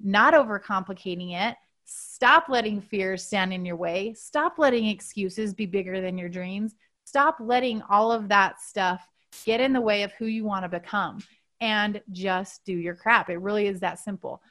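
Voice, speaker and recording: A woman's voice: mid-range voice, normal speed, fairly bright tone. A woman hosting a motivational podcast alone, talking directly to listeners like a life coach and mentor.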